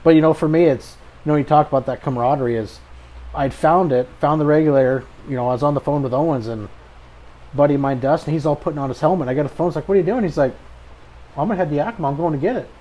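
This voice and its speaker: A man's voice: fairly high pitch, fast, mellow, low-quality recording. An American man hosting a podcast in a casual chat, with an easygoing, folksy good ol' boy way of talking. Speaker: podcast host.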